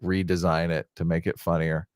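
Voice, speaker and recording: A man guesting on a casual livestream chat, joking and animated. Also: low-pitched, moderate pace, no room sound, clean studio sound. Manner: animated, joking, laughs easily.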